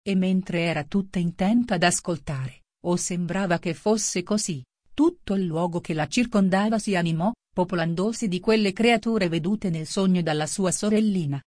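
Low-voiced woman narrating a storybook. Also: normal speed, few pauses, a little mellow, dry recording, clean studio sound. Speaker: audiobook narrator.

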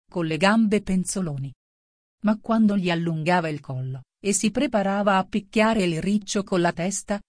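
A woman narrating a storybook in a measured, steady way. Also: medium pitch, no room sound, studio quality. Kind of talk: storybook reading.

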